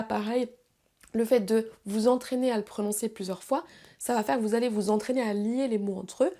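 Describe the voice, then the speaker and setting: Woman, online English teacher, slightly high voice, gravelly, patient explanations. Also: dark tone. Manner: explanatory, repeats English phrases slowly. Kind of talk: online language lesson.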